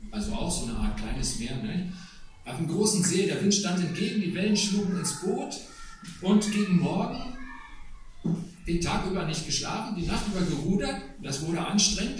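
Male preacher, lively up-and-down voice, rather high, chatty sermon, heavy echo, distant mic. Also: slight background noise. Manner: conversational preaching with asides to the congregation. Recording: very echoey hall, voice from a distance.

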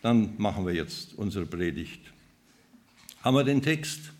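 A man preaching a sermon, reading scripture and putting questions to the congregation in a deliberate way. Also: lowish voice, animated. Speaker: pastor.

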